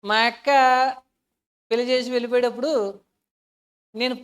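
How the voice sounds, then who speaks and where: A woman preaching a sermon with personal stories, earnest and emotional, often asking her listeners questions and swinging from soft to loud. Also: fairly high pitch, flat delivery, normal speed, clean tone.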